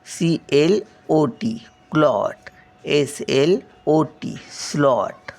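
A woman's voice: low voice, expressive, very slow, vocal fry, darkish tone. An older woman, a grandmother, teaching children English word sounds, spelling each word letter by letter and then saying it, often checking with a short "hm?". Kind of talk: slow spelling lesson, letter by letter.

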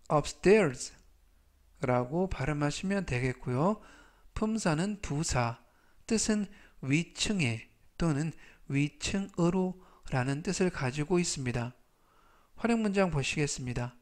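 A man speaking Korean with a Korean accent, giving an English vocabulary lesson. He repeats each word three times, then explains it in set phrases. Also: on the high side. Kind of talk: slow, methodical vocabulary lesson.

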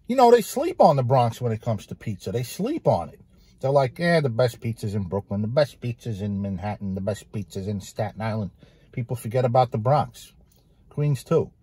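Husky, eager pizza-reviewing man. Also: medium pitch, dark tone, no echo. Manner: enthusiastic, repeats his phrases for emphasis. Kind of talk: casual food review vlog.

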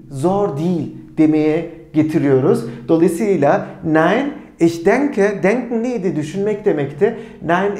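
A man's voice: high voice, darkish tone. A man teaching a language lesson, who asks and answers his own questions and says each word twice. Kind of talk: slow, repetitive language lesson. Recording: echoey room.

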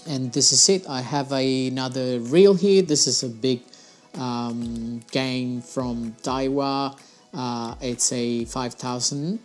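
Young man chatting casually about fishing gear. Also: medium pitch. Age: young adult. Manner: casual, chatty, slightly non-native phrasing. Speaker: fishing channel host. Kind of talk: gear review vlog. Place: small indoor room at a desk. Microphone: lapel mic.

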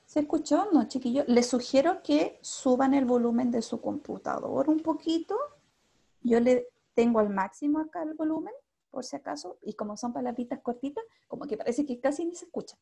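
A woman with a Chilean Spanish accent teaches an English class over a video call, patiently checking in with students constantly and mixing English into her Spanish. Her voice is high, gravelly, warm and husky, at a moderate pace.

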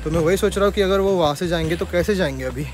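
With background music underneath, a young man from Maharashtra, India, talks rapid-fire in a slightly high voice. He's a travel vlogger filming on his phone along a forest trail by a waterfall. His narration is casual and chatty, aimed directly at viewers as he walks.

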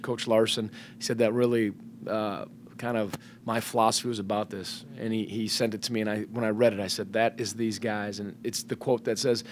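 A man's voice: medium pitch, slight background noise. Thoughtful male coach at a press table. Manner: thoughtful, halting, many fillers and restarts. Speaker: head basketball coach. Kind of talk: post-game press conference. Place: press room in front of a sponsor backdrop. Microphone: table microphone.

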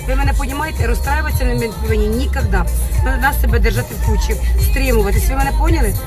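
Middle-aged woman, rapid gushing car selfie vlog, average pitch, loud music bed. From Ukraine. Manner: effusive, sing-song, full of pet names and diminutives. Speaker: vlogger. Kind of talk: chatty selfie vlog to followers. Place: in a car, driving. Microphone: phone held in hand. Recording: sad-sounding music playing behind.

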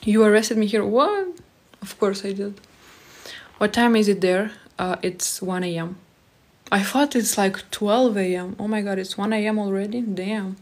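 Young Moldovan-accented woman, native Romanian speaker, live-stream host reading comments aloud; casual and friendly, close phone mic in a small home room. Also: medium pitch. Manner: reads viewer comments aloud and answers them, friendly and chatty. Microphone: phone held close at arm's length.

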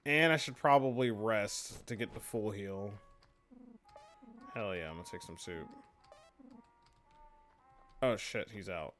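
A man hosting a let's play, reacting loudly, laughing and swearing as he comments on the game. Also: lowish voice, measured pace, pauses often, faint music behind.

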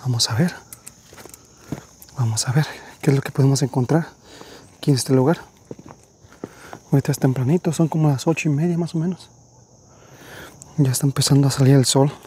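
A young man narrating his treasure hunt outdoors, eagerly talking to his viewers as friends, with a husky voice. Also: mid-range voice, normal speed, long pauses, mellow, slight background noise. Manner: enthusiastic, addresses viewers as friends. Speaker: treasure-hunting vlogger. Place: wooded hillside outdoors. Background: crickets and insects.

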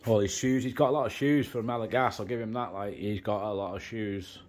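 A man's voice: on the low side, fairly even intonation, brisk, darkish tone. Chatty man filming a house tour. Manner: chatty, rambling, explains as he films. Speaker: travel vlogger giving a house tour. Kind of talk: casual walking house tour. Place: outdoors on a house terrace and indoors in small rooms. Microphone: handheld phone camera.

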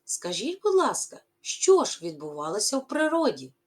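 A woman teacher giving a reading lesson to primary school children, expressive and drawing out stressed syllables. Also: medium pitch, normal speed, slightly rough.

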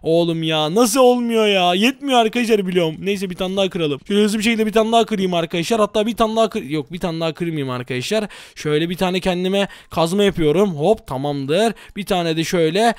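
A man giving excitable gameplay commentary, talking straight to his viewers at a rapid clip. His voice sits high for a man, and the sound is close and dry, with no room around it. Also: clear, resonant tone, no room sound. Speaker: gaming channel host.

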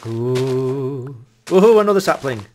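Man, mid pitch, very lively delivery, giggly game banter. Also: measured pace, a little hiss or hum. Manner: giggly, teasing, laughs often. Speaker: gameplay commentator. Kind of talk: casual multiplayer game chat.

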